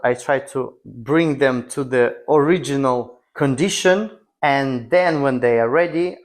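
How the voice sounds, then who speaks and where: A man with a Russian accent talking casually to camera as a vlog host, in halting non-native English broken into short phrases. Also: mid-range voice. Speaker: host of a car restoration channel. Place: garage.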